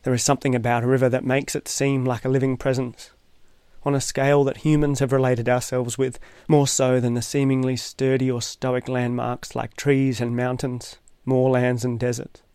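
Man, calm essay narrator, level delivery, dry close-miked sound, wry asides. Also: medium pitch, normal speed, clean tone, no room sound.

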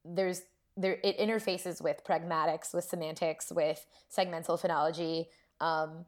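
Casual academic woman with a lowish voice. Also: level tone, normal speed. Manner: informal, frequent "like" and checking "right?". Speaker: academic researcher, interview guest.

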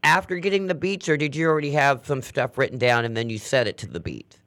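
A man's voice: mid-range voice, fast, fairly bright tone, dry recording. A man hosting a talk show, chatting with a guest in a sassy, playful way and laughing often. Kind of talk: casual interview chat.

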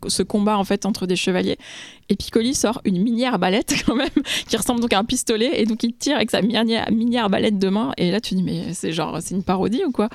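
A woman co-hosting a podcast, talking about a film in casual, animated chat with many hesitations. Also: medium pitch, quick pace, no room sound. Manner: animated, hesitant, piles up restarts. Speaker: podcast co-host.

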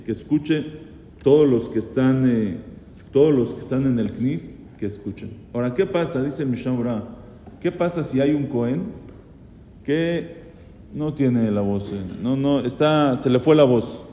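A man's voice: medium pitch, dark tone. A man, a rabbi teaching a class on religious law. He quizzes his students and repeats key phrases, mixing Hebrew terms into his speech. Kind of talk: Torah law lesson to students. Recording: echoey hall with long reverb, faint noise.

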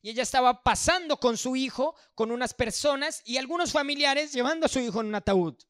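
A man's voice: very high-pitched, fast, studio quality. A man, interpreting a sermon line by line and matching the preacher's emphasis. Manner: echoes the preacher's emphasis, lively delivery.

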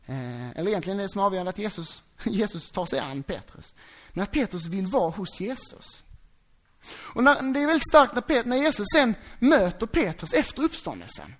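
Lively conversational preacher. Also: medium pitch. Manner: conversational, asks the congregation if they follow; animated, acts out quoted voices. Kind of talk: sermon.

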